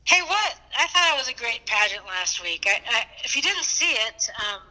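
Very bright, high-voiced woman, reverberant. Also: big pitch swings, moderate pace. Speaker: church podcast host. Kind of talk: casual chat.

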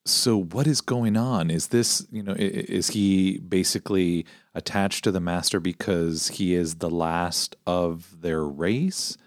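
Man, podcast host, very low voice, slow, earnest, halting, dry sound. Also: dry recording. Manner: earnest, hesitant, many restarts. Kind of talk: casual podcast discussion.

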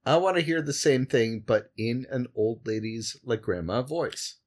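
A man's voice: medium pitch, measured pace. A man playing a tabletop game, joking and bantering casually. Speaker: player.

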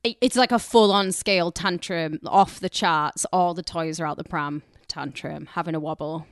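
Woman, Cumbrian accent, lowish clear voice, dry close sound; blunt, crude podcast co-host trading slangy banter. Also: moderate pace, no room sound. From Carlisle, Cumbria, England. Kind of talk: casual comic banter with regional slang.

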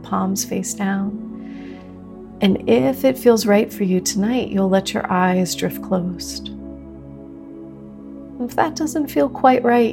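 A woman leading a guided meditation like a sleep story narrator, speaking gently and slowly with long pauses. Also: medium pitch, creaky. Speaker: meditation teacher leading a group practice. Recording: new-age music under the voice. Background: soft new-age music.

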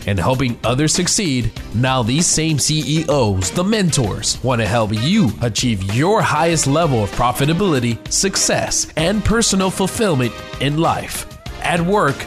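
Lively announcer over music. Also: male voice, a little high. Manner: lively promo delivery. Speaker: show announcer.

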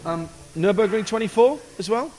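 A man's voice: high-pitched, lively intonation, normal speed, a little mellow, soft background music, low-quality recording. A man asking questions as the interviewer in a motorsport interview. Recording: background noise, ambient sound.

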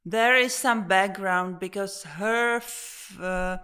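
Slow-talking woman, Czech-born, smooth voice. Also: mid-range voice, sharp tone. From Czech Republic. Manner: non-native English, hesitant with frequent restarts and laughs. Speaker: painter. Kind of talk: casual interview. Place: her art studio.

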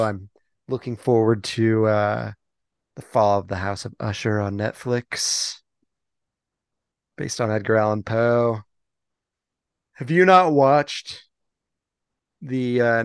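A man co-hosting a podcast, talking slowly in a smooth voice with a gravelly edge. He chats casually, laughs often and wanders off on tangents. The sound is dry and close. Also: on the low side, no room sound. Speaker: podcast co-host. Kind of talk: casual chat.

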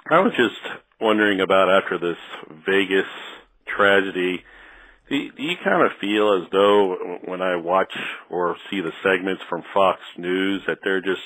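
A man from the Midwest leaving a voicemail for a show, halting and repeating words as he searches for his phrasing. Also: deep voice, fairly bright tone, low-quality recording. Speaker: caller. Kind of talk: recorded voicemail message.

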